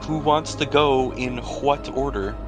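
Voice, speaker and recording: A man at medium pitch and a measured pace runs a tabletop game as game master, describing the action and rules in a conversational way. A music bed sits under his voice.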